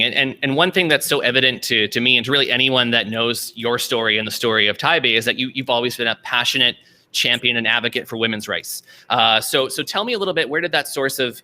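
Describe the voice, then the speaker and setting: Bright, sharp-voiced male podcast host. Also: medium pitch. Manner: effusive, admiring questions. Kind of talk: podcast interview.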